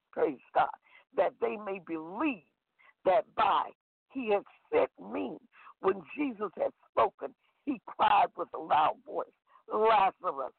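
A woman prophetess reads scripture and preaches a devotional, her voice gravelly and husky. She lilts through each phrase in a lively sing-song and keeps coming back to a refrain. The sound is dry and thin, like a phone line. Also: mid-range voice, no room sound.

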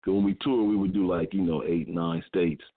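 A man's voice: low-pitched, brisk. A man from California, a guest on a talk radio show, telling a story casually and acting out his friends' lines. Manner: animated storyteller who acts out friends' lines. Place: calling in to an internet radio show. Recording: tinny phone line.

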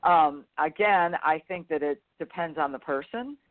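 A woman's voice: sits low, moderate pace. A woman golf instructor co-hosting a show, talking frankly and bluntly in casual chat. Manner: frank, blunt teaching talk. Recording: tinny phone-like sound.

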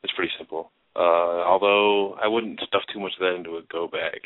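A man's voice: sits low, steady tone, a little fast, no room sound. A man hosting a casual advice chat, stressing key words by repeating them. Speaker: talk show host. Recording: narrow phone-like sound, dry.

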